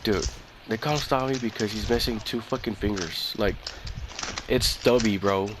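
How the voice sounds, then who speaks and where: A man with a fairly low voice, a gamer talking with a friend while playing a shooter, tells a long, meandering story at a moderate pace. He swears a lot, keeps saying "like," and restarts his sentences. Game gunfire and clicks sound clearly throughout, making the recording very noisy.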